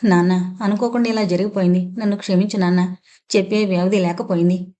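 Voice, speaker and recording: A woman's voice: medium pitch, steady tone, fairly quick, mellow, lightly acted. A woman reading an earnest young son. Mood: apologetic. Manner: earnest, reassuring.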